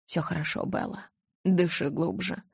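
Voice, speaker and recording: Edward, a woman lowering her voice for a tender young man. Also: fairly even intonation, normal speed, vocal fry, breathy edge, dry recording, studio quality, heavily acted. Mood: soothing. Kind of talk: audiobook reading.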